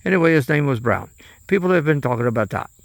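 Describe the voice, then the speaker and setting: A man's voice: fairly high pitch, lively intonation, quick pace, gravelly, dry recording. A man delivering a rambling, profane political monologue, often trailing off and restarting.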